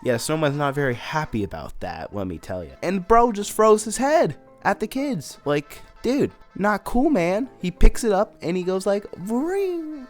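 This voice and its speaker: A young man talking through a cartoon episode in a loose, chatty commentary, his voice sitting at a middle pitch. He swings his delivery up and down for emphasis and throws in slangy asides. Soft music runs quietly underneath. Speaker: cartoon reviewer, channel host. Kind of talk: casual video commentary.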